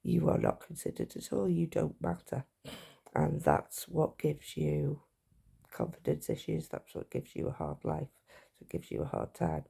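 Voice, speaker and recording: A woman talks to her phone camera in a heavily gravelly, husky voice, mellow and low in brightness. She speaks frankly and haltingly, pausing and restarting as she reflects. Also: sing-song. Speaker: vlogger. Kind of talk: personal testimony to camera.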